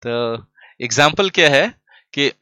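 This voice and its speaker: Young male tutor, bright forceful voice, playful and teasing, quizzes the class. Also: mid-range voice, animated, slow pace, clean tone, no room sound. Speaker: English grammar teacher. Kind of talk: online class, joking with students. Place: classroom studio, standing at a desk.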